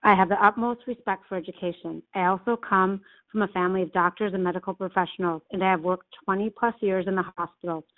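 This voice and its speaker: A woman's voice: mid-range voice, steady tone, fast, hardly any pauses. A woman in her forties, a mother and occupational therapist, earnestly making a public comment by phone. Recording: tinny phone line.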